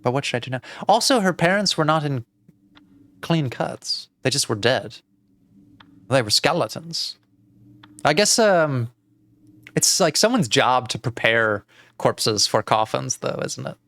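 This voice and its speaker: A therapist playing a video game, commentating casually, thinking aloud and swearing freely. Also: male voice, medium pitch, sing-song, takes it slowly, vocal fry, pauses often, a bit bright, no room sound. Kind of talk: let's play commentary.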